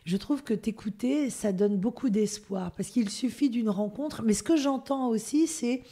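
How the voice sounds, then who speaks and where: A woman's voice: on the high side, normal speed, warm tone. A woman interviewing an artist, reflecting on his story and affirming what he says. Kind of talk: interview questions.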